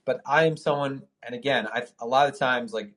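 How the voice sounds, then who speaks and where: Speaking fairly quickly in a slightly bright, mid-range voice, this podcast host runs a live call-in show full of relaxed trading talk. He wanders off track with plenty of fillers and false starts, curses casually, and has the hiccups.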